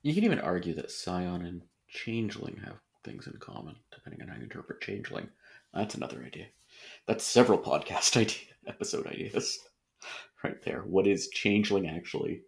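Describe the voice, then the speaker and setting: Gravelly, low-voiced man in casual chat. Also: animated, brisk. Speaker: podcast co-host. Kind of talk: casual conversational podcast chat.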